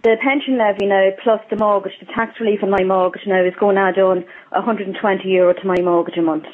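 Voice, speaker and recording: A woman's voice: mid-range voice, fairly even intonation, fast talker. A woman with an Irish accent calling a radio phone-in to air a grievance. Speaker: phone-in caller, civil servant. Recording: tinny phone line on radio.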